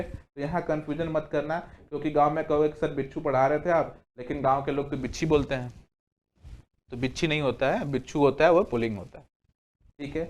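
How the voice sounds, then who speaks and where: A young man teaching a Hindi grammar lesson, asking questions and answering them himself, saying "okay" again and again, and listing examples slowly word by word. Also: fairly high pitch, a little mellow. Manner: asks the class questions and answers them himself, repeats "ठीक है" often. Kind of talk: exam-prep grammar lesson.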